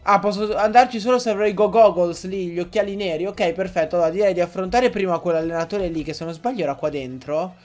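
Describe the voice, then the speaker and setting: A young man giving excitable, joking Let's Play commentary to his viewers, often swearing. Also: high-pitched, quick pace, few pauses, soft background music. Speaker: gaming YouTuber.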